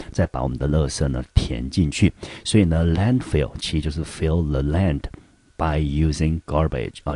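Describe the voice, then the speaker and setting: A man with a Taiwanese Mandarin accent teaching a recorded English vocabulary lesson to high school students, explaining patiently and talking to them directly. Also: dark tone, husky, dry recording. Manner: explanatory, addresses students directly, frequent "好" and "呢" fillers.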